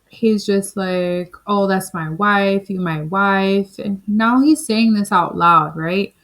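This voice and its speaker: A woman's voice: fairly low pitch, poor audio. A woman in her thirties from the Caribbean, telling a personal story in a chatty, reflective way, full of "like" and "you know". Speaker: spiritual vlogger.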